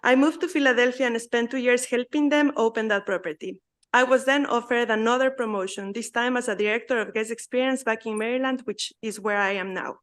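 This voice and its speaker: A woman's voice: a little high, a little fast, a bit bright. A woman from Ecuador with an Ecuadorian Spanish accent, a native Spanish speaker, earnestly reading prepared testimony as a public witness.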